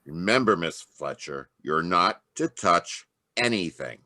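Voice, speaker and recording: An actor playing a blustering police inspector with a blunt delivery in a live radio drama. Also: male voice, deep voice, lively intonation, measured pace, pushed and bright, no room sound, studio quality, heavily acted. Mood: gruff. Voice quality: brash, blunt American delivery. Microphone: video call.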